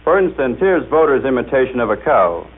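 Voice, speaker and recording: A man's voice: mid-range voice, very animated, brisk, slight background noise. A man demonstrating a machine in a scripted radio broadcast, talking in a jovial, explanatory way as he coaxes it along. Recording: tinny 1939 radio broadcast recording.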